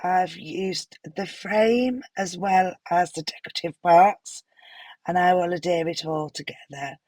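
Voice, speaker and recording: A woman with a hoarse, unwell voice, gently narrating a craft tutorial voiceover with some apologetic pauses. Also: fairly low pitch, no room sound. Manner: gentle, apologetic, stops for fillers. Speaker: card-making tutorial host.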